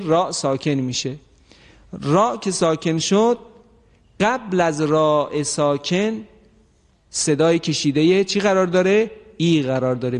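A man with a slightly high voice gives a recitation lesson, slowing right down to draw out each example word. He asks his listeners questions and then answers them himself. His voice carries a long reverb tail, as if recorded in a hall. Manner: slow, drawn-out recitation of example words. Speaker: Quran recitation teacher. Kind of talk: tajweed lesson.

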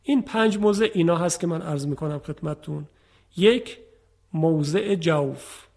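A man's voice: on the high side, vocal fry, a little mellow. A man teaching Quran recitation on a radio program, explaining patiently and speaking directly to his listeners. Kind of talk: radio lesson on tajwid.

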